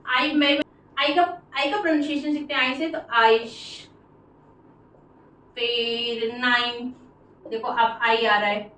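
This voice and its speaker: A woman with an Indian accent teaching English pronunciation, saying each word slowly and repeating it for the class. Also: high voice, a bit bright. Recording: echoey room, voice from far off.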